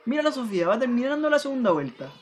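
A woman's voice: fairly high pitch, very animated, fast, slight background noise. A woman with a Chilean accent playing a strict, impatient PE teacher who scolds brusquely. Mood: stern. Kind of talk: amateur audio drama acting.

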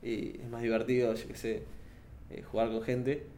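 A young man chatting casually about video games, animated and quick to laugh, with frequent restarts. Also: mid-range voice, a little hiss or hum. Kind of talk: casual gaming chat.

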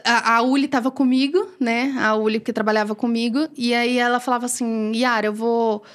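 A Brazilian woman telling a personal faith story as a podcast guest, animated and acting out quoted dialogue. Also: on the high side, a little fast. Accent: Brazilian Portuguese.

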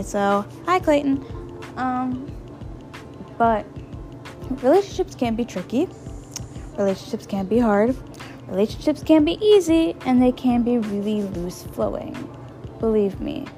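A woman with a gravelly, slightly hoarse voice, rambling informally as she gives casual advice as a solo podcast host, repeating phrases for emphasis. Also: on the high side, expressive, unhurried, pauses often, darkish tone, faint music behind. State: hoarse, voice partly lost.

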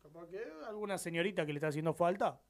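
A man's voice: on the high side, very fast. Joking Rioplatense radio host man. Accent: Rioplatense Spanish. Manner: joking, rambling, Argentine slang. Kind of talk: casual radio banter. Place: radio studio.

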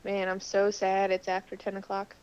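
A woman's voice: mid-range voice, completely flat delivery, normal speed, a little mellow, slight background noise. A woman co-hosting a casual podcast, calling in on her cell phone so her voice sounds tinny, like a tin can, and chatting loosely with many fillers. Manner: chatty, rambling, lots of fillers. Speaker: co-host. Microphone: cell phone call.

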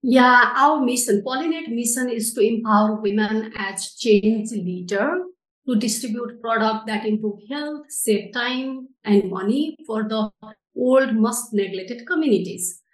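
This interview guest, a middle-aged woman from Nepal who runs a social enterprise, talks a little slowly in a slightly high voice. Her explanations are earnest, shaped by a Nepali accent and non-native phrasing, and the low-quality audio is reverberant.

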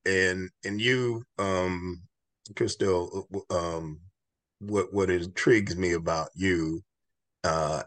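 A man's voice: sits low, a bit bright, dry recording. A man hosting an interview show, encouraging his guest, often stumbling and repeating words as he asks questions. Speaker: show host. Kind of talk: interview conversation.

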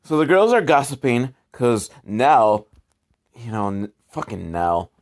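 A man hosts a laid-back comedic commentary on old educational films, speaking in a sarcastic, profane manner. His mid-range voice is sing-song and slow.

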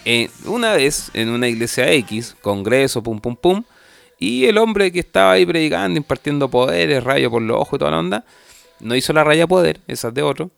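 Male podcast co-host, gravelly voice, joking storyteller, faint music behind. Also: a little high, lively intonation, a little fast, a bit bright, dry recording. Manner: storytelling, joking, imitates others. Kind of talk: casual chat.

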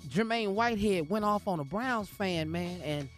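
A man's voice: high-pitched, expressive, moderate pace, faint music behind. A man co-hosting radio in casual banter. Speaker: radio show co-host.

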